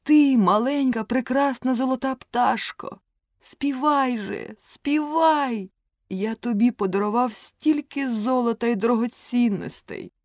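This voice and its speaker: A woman's voice: fairly high pitch, darkish tone, no echo, clean studio sound, voice pushed up. A woman voicing a dying old emperor who pleads and cries out. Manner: pleading, crying out.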